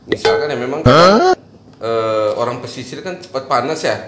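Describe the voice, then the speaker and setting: A man's voice: medium pitch, lively intonation, moderate pace, a bit bright. Echoey-sounding man from eastern Indonesia. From eastern Indonesia, Bima. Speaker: guest. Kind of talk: casual chat. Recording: echoey room, faint noise.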